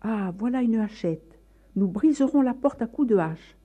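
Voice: medium pitch, animated, normal speed, muffled recording, voice pushed up, close to an everyday voice. A reader voicing a frantic, fierce mother. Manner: urgent, commanding.

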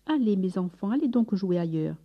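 A woman's voice: mid-range voice, lively intonation, normal speed. A woman voicing a sick, humble male friar who prays devoutly and recites solemn praise. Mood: gentle pleading. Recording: slightly dull recording with soft music.

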